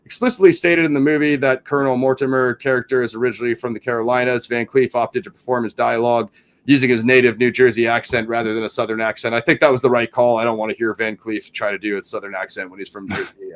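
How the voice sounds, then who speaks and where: A man's voice: medium pitch, flat delivery, quick pace, a bit bright. A man hosting a casual film review chat, reading out trivia and riffing on it with lots of "you know". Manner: reads trivia then riffs on it; chatty, many fillers like "you know". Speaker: podcast host.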